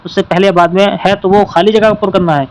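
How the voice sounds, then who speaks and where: A man's voice: high-pitched, fairly even intonation, slight background noise, rough recording. A man teaching an exam-prep lesson, working through questions and patiently repeating the key points.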